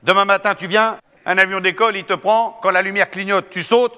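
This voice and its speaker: A brusque, matter-of-fact army colonel, as a comedian puts him on, rattling off blunt orders. The voice is bright and high for a man. It rings out in a long reverb. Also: fairly even intonation, brisk, clear, resonant tone. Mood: brisk. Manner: blunt instructions.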